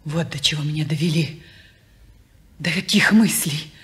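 In a 1950s radio play, an actress voices a restless, teasing woman in her twenties who is playful and capricious, slipping into hushed whispers. Her voice is low, her pace moderate, and the mood wistful.

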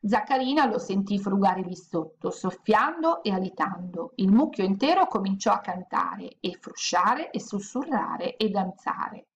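A woman reading a children's storybook aloud with gentle, steady pacing. Her voice has a gravelly, creaky texture at a middle pitch. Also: a little slow, few pauses, slight background noise. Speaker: audiobook reader.

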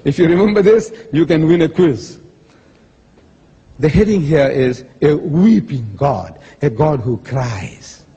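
A man's voice: on the high side, animated, slow pace, warm tone, breathy edge, muffled recording. A man giving a public debate speech, emphatic and repetitive, quoting scripture to make his points. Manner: emphatic, repeats key phrases, cites scripture. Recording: echoey hall reverb.

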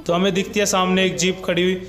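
A man's voice: sits high, flat delivery, fast, a bit bright, soft background music. Chatty young man narrating gameplay. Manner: chatty, keeps saying "guys" and "bhai" to viewers. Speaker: gaming YouTuber. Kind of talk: casual gameplay commentary voice-over.

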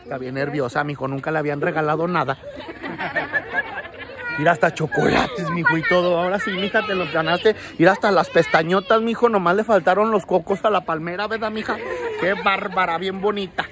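A Mexican man hosting a street vlog, joking and teasing people and leading loud cheers outdoors. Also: high voice, a little fast, a crowd in the background. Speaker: influencer host. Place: outdoors at a graduation in town.

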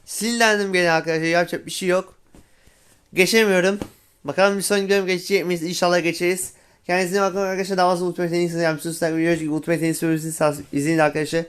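A man's voice: high-pitched, little pitch movement, very fast, a bit bright, smooth. A young man hosting a gaming channel, giving casual commentary on his play, exclaiming in frustration and talking to viewers as friends.

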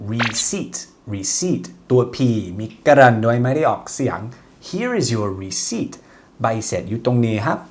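Thai-accented male teacher, lively delivery, drawn-out English model phrases. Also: mid-range voice, slight background noise. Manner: lively, reads English phrases slowly then explains quickly in Thai. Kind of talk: online language lesson.

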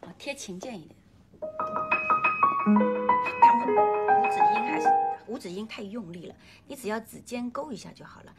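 This Chinese piano teacher speaks at a moderate pace with a medium pitch and lively intonation, leaving long pauses. During the masterclass she coaches her student by singing melodies and humming phrases, with piano playing in the background.

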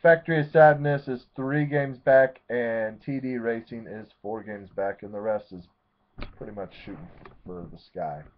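Man, thirties, casual rambling, self-correcting, excitable, phone-like webcam audio, at home. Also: medium pitch, normal speed. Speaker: fantasy football league commissioner. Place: small room at home, seated in a leather chair.

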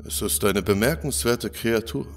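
A man's voice: medium pitch, normal speed, faint music behind, close to an everyday voice. A man voicing a brilliant, irritable male doctor who explains things precisely in a lecturing way, in a spoken horror story.

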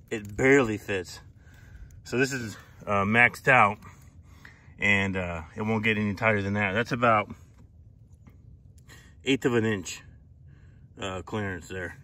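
A man's voice: fairly low pitch, bright, forceful tone. A man outdoors on a wooded trail, casually reviewing his bike parts, rambling with lots of fillers and restarts, recorded on an action camera. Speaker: mountain bike vlogger.

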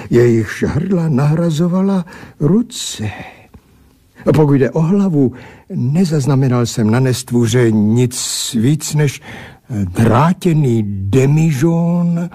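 A man reading a classic story aloud in the first person, with expressive storytelling. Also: mid-range voice, breathy edge. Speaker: audiobook narrator.

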